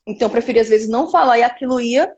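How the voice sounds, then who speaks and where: A Brazilian woman in her thirties with a Northeastern accent and a somewhat high voice. She speaks openly and with energy, keeps checking in with the listener, and tells her working life the way people talk in a relaxed interview. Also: rapid-fire, highs cut off. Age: 30s. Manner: lively and frank, frequent "né" tags. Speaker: cultural producer, guest. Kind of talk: casual interview storytelling.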